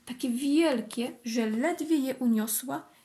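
A woman calmly and gently reading a children's story aloud. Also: high-pitched, takes it slowly. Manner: calm, clear, gently expressive.

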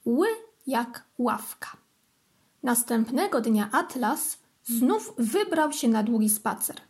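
A woman reading a children's story aloud with clear, careful storytelling. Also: fairly high pitch, lively intonation, takes it slowly, a little mellow.

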